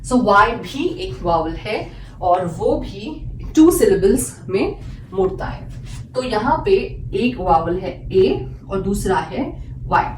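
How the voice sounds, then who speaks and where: A mid-range, expressive female voice speaks at a slow pace, with slight background noise, teaching grammar as in a classroom. Patiently, she asks and answers her own questions and repeats examples. Faint music, an echoey room and a distant mic mark the recording.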